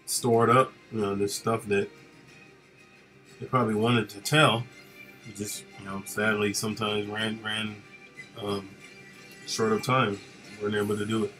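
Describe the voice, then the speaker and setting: A man casually chatting with viewers of his live stream while he works, relaxed and rambling with lots of fillers. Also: lowish voice, a little slow, pauses often, music in the background.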